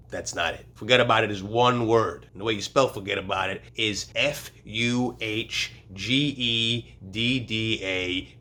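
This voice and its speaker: Male host, Brooklyn accent, low forceful voice, streetwise and slangy, comedic explainer delivery. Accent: Brooklyn, New York. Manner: streetwise slang, emphatic catchphrases. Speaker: video host teaching a New York accent. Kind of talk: comedic tutorial talk to camera.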